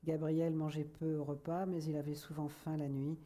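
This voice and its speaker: Low, very dark-voiced woman narrator. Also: flat delivery. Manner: measured, soft, sometimes drops to a whisper. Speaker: audiobook reader. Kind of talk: literary audiobook narration.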